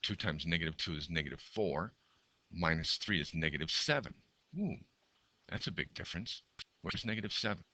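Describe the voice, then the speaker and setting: A man teaches a math lesson as he sketches graphs, counting out steps aloud, his voice a little worn from losing it. His pitch sits very low, yet the tone is bright and forceful. The sound is dry and close. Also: lively intonation, a little fast, dry recording. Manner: talks through each step while drawing, counts aloud.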